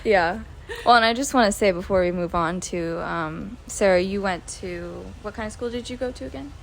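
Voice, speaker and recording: A woman's voice: mid-range voice, normal speed, vocal fry, a little hiss or hum. A woman in her twenties hosting a college podcast, talking casually with frequent ums as she explains. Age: 20s. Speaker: podcast host.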